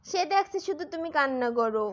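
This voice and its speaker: A woman's voice: sits high, expressive, brisk, muffled recording. A woman talking baby talk to her infant in a coaxing voice. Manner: coaxing, sing-song questions. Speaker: mother.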